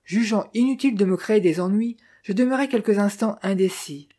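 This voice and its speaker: A reader voicing a weary middle-aged male drifter who calmly tells what he saw, in an audiobook. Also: mid-range voice, lightly acted. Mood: recounting. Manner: calm, measured storytelling in the first person. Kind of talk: audiobook reading of a character.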